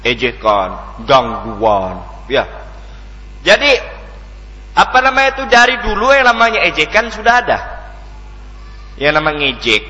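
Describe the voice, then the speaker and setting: A man preaching a Quranic exegesis sermon, moving between chanted Arabic recitation and lively, colloquial storytelling. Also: high voice. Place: lecture hall of an Islamic study center. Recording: long hall reverb, dull lo-fi sound.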